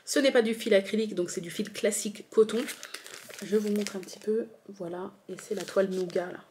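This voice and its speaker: A woman's voice: mid-range voice, fairly quick, darkish tone, slight background noise. A woman vlogging about cross-stitch kits in a chatty, enthusiastic way, full of fillers and restarts. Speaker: embroidery vlogger. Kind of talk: casual show-and-tell vlog.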